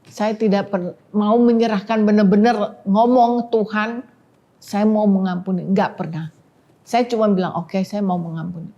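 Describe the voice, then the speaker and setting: A woman giving an emotional personal testimony on a talk podcast, dropping to a hush when she quotes prayers. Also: medium pitch, steady tone, normal speed, lo-fi sound. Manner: emotional storytelling, quoting prayers softly. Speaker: podcast guest.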